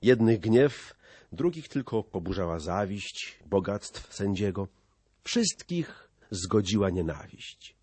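A man narrating an epic poem in lively verse recitation, audiobook style. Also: lowish voice, slow pace, husky, dry recording.

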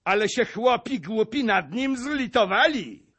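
A man voicing a grim, vengeful old male servant, declaiming in rhymed verse with a husky voice. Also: high voice, expressive, a little slow, a bit bright, full character voice. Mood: boastful.

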